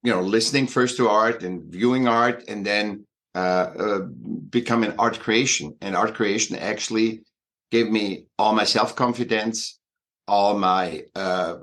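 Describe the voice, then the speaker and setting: Austrian man in his sixties, low voice. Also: fairly even intonation, a bit bright. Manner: halting, many fillers and restarts, emphatic. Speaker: guest artist and educator. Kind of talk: conversational interview.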